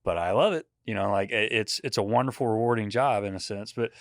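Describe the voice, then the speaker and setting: A man's voice: on the low side, quick pace, no room sound, clean studio sound. A man in his forties, a podcast guest chatting casually, who tells rambling stories and laughs often. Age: 40s. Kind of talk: casual chat.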